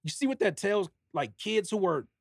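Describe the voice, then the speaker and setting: A man's voice: high voice, big pitch swings, moderate pace, gravelly, no echo, clean studio sound. A man, a rapper and producer guesting on a podcast, earnestly and animatedly explaining his album pre-order bundle. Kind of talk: casual podcast chat.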